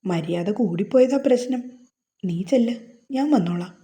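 A woman's voice: medium pitch, expressive, normal speed, dark tone, natural voice. Woman voicing a sulky, teasing young husband. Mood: grumbling.

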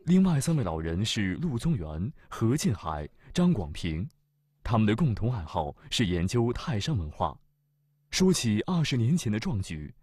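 A man narrating a travel documentary in a measured, formal way. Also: on the low side, darkish tone, slightly rough, no echo, studio quality. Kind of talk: scripted narration.

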